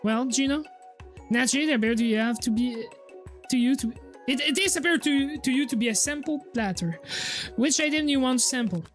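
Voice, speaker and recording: A playful woman streamer reads a visual novel aloud in a high, light voice. She laughs often and keeps the tone relaxed, with faint music under her. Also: fairly quick.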